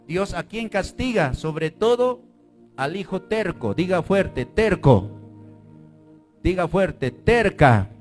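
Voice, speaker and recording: A male pastor with a high-sitting voice preaches a fervent sermon, breaking into shouts and calling on the congregation to repeat words after him.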